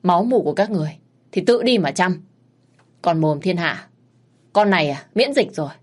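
A woman voicing a sharp-tongued young wife who curses in a shrill, sour voice. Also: lively intonation, brisk. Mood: bitter defiant. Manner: scolding, cursing loudly.

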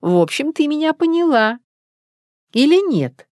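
A woman reading a spiteful young woman who mocks an older cook in a slow, savoring way. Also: sits high, big pitch swings, a little mellow, no echo, clean studio sound, pitched above the performer's own voice. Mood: gloating.

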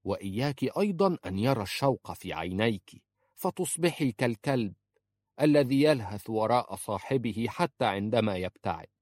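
A man voicing a sharp-tongued older woman who scolds and protects a young woman, with a sarcastic, blunt manner. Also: mid-range voice, expressive, moderate pace, no room sound, natural voice. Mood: scolding. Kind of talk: audiobook character voice.

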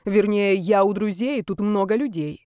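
A woman's voice: mid-range voice, moderate pace, warm tone, clean tone, no echo, clean studio sound, natural voice. A woman reading an audiobook voices a tense, guilt-ridden young man who answers in a strained, clipped way. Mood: irritated.

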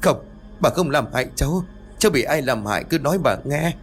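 Male narrator doing a frightened elderly grandmother in a spoken ghost story, raised pitch, pleading and panicky. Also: expressive, brisk, soft background music, close to an everyday voice.

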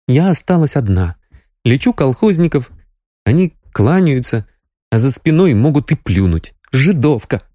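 Guy doing a young woman doc, high and weepy, swoopy voice, audiobook, dry close sound. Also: very animated, measured pace, warm tone, no echo. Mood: agitated. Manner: raised falsetto-like voice, sobbing, emotional. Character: young woman doctor, tearful and spirited. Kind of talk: audiobook character reading.

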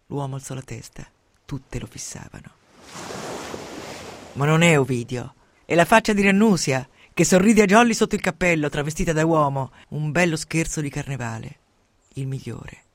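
A man reading a novel aloud in a dramatic, expressive way, sinking to hushed tones at tense moments, into a close studio microphone. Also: fairly high pitch, no echo. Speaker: reader. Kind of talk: dramatic audiobook narration.

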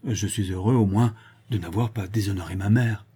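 A man voicing a carefree young gentleman who talks in a light, nonchalant, mock-polite way. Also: lowish voice, normal speed, breathy edge.

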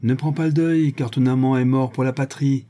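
A man's voice: mid-range voice, steady tone, moderate pace, warm tone, pitched above the performer's own voice, natural voice. A man playing a wounded, jealous young soldier who hurls bitter accusations and curses. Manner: accusing, cursing outbursts.

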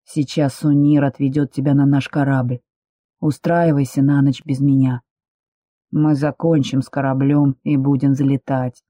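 A man's voice: medium pitch, level tone, a little slow, mellow, no echo, voice pushed down, lightly acted. A woman reading an audiobook, voicing a tense, commanding man who is the heroine's beloved, speaking curtly. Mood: evasive. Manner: curt, commanding.

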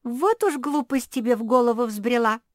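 A woman reading aloud and voicing the youngest pug sister, a shrill, exclamatory little dog. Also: moderate pace, dry recording, studio quality, lightly acted. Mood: excited.

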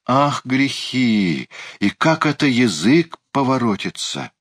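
A man's voice: medium pitch, expressive, measured pace, pitched above the performer's own voice. A man voicing a miserly, fretful old uncle in an audiobook, whining and flustered in protest. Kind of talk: audiobook character reading.

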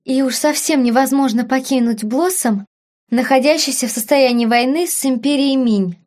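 A woman's voice: high voice, moderate pace, a little mellow, lightly acted. A woman voicing a poisoned young princess who wheezes and struggles for breath while pleading urgently. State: wheezing, coughing up blood.

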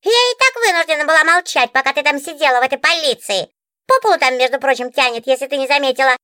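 A spoiled, whiny talking book. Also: female voice, high-pitched, animated, quick pace, bright, forceful tone, no room sound, studio quality, voice pushed up. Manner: whiny, affected, pouty. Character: spoiled capricious talking book, female diva. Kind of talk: audiobook character voice.

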